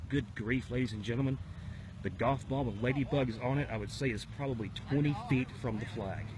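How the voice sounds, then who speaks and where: A man doing mock-formal televised golf commentary for friends outdoors, sometimes dropping to a hushed announcer voice. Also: medium pitch, brisk. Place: outdoors on a windy course. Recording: loud wind noise outdoors.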